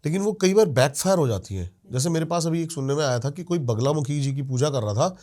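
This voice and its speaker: A man's voice: fairly high pitch, lively intonation, fast, warm tone. A man hosting a podcast, listening attentively and asking curious follow-up questions. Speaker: podcast host. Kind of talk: podcast interview.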